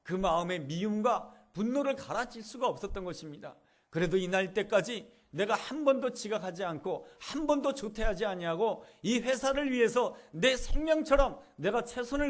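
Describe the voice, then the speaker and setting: A male pastor preaching a sermon, telling a story with earnest, repetitive emphasis. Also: high voice.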